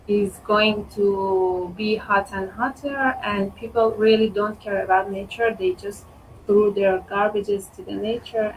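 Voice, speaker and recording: A woman from Iran, chatting casually in English on a video call with slow, halting pauses. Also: medium pitch, far from the mic, a little hiss or hum, low-quality recording. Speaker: conversation club participant. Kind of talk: casual online chat in English.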